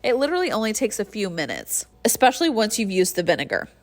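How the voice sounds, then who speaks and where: A young woman hosting a cleaning channel narrates a tutorial voice-over, congested, nasal and stuffy, breathing heavily. Friendly and chatty with light laughs, she speaks quickly in a very animated, medium-pitched voice.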